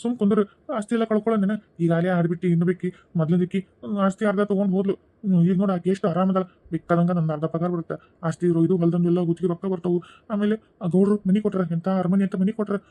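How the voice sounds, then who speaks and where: A man's voice: sits high, steady tone, rapid-fire, dark tone, no echo, lightly acted. A man voicing a helpless, pleading young husband in a cartoon, with a North Karnataka Kannada accent. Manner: pleading, whining.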